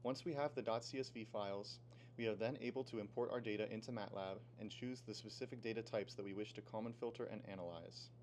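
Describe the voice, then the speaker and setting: Fast-talking teenage boy presenter. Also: fairly low pitch, slight background noise. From Pennsylvania. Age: teens. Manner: steady, read-aloud explaining. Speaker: student presenter. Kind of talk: scripted project presentation.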